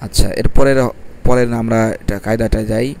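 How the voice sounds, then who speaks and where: A male teacher with a soft, warm voice explains recitation rules at a mid pitch. He spells letters out one at a time and draws the syllables out slowly, answering his own questions as he goes. Faint traffic noise sits behind him. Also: steady tone. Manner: asks questions and answers them himself, repeats each rule. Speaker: Quran reading teacher. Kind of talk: step-by-step recitation lesson.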